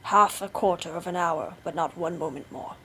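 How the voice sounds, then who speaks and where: A woman's voice: lowish voice, moderate pace, bright, forceful tone, a little hiss or hum, pitched below the performer's own voice, rough recording. A woman voicing a merciless, menacing husband in a storybook tale, with stern, commanding threats. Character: menacing, merciless murderous husband with a great saber. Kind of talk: storybook character voice.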